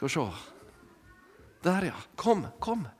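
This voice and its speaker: A man's voice: high voice, very animated, darkish tone, slightly rough. A man preaching an interactive sermon with props, calling volunteers forward and coaxing them with short repeated commands. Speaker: preacher leading an object lesson with volunteers. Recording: long hall reverb.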